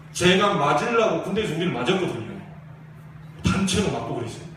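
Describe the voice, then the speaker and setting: A pastor in his forties from the Jeolla region, preaching an emphatic, exhorting sermon at a church service. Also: high-pitched. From Jeolla region, South Korea. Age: 40s. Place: church sanctuary. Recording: echoey church hall, distant mic, faint hiss.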